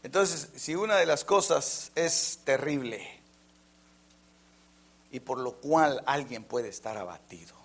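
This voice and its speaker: Man, preacher, sermon, husky rough voice, fervent, loud-to-whisper swings, calls listeners brother. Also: mid-range voice, slow. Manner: keeps calling listeners "hermano".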